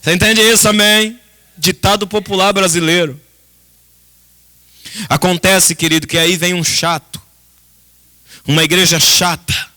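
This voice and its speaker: With a sharp, high-pitched voice, a Brazilian pastor preaches to his congregation at a church service, speaking unhurriedly with frequent pauses and fairly even intonation. The sermon is impassioned, emphatic, and dramatic, heavy on rhetorical repetition and direct address.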